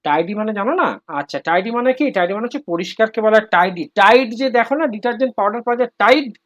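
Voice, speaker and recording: A man's voice: sits high, quick pace, a bit bright, dull audio. A man teaching English to children in an online class, firm and repeating his prompts, heard over a video call.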